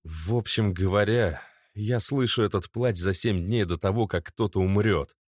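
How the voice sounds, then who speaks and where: A man's voice: lowish voice, normal speed, darkish tone, dry recording, clean studio sound, lightly acted. A man playing an anxious pleading young man. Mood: earnest. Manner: hesitant, earnest, pleading.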